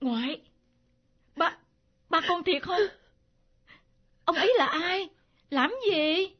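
A young daughter speaks through tears in a high voice. The radio drama sound is muffled. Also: female voice, slow pace. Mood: puzzled. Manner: tearful, pleading. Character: young woman, grieving daughter.

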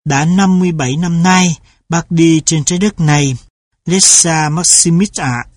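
A man's voice: fairly high pitch, a little slow, dry recording, clean studio sound. A man reading the part of an old male factory weaver who speaks in a choked, tender way in an audiobook.

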